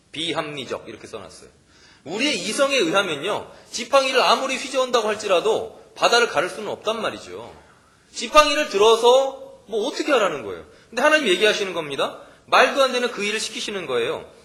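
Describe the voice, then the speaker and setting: A man's voice: high-pitched, bright, forceful tone. A male pastor preaching at a church service, asking the listeners questions and chuckling often. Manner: asks the listeners many questions. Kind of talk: sermon.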